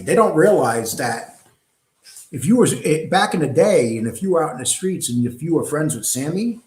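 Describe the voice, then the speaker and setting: A middle-aged man from New hosts a casual live stream, rambling and reading chat with frequent ums and uhs. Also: medium pitch. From New York. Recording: echoey room.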